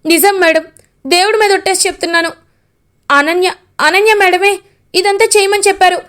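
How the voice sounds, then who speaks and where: A woman voicing a cowardly man confessing in fear, rushed and pleading. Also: very high voice, fairly even intonation, a bit bright, voice pushed up.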